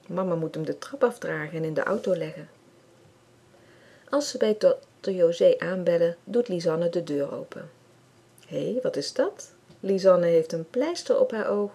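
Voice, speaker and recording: A woman reading a children's story aloud, calm and clear. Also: lowish voice, normal speed. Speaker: audiobook reader.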